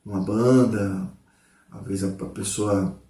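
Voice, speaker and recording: A slow, mellow, lowish voice with fairly even intonation carries this casual guitar lesson, recorded with a reverberant sound. The teacher names each note aloud as he plays, explains patiently, and keeps checking in with "tá?" and "né?"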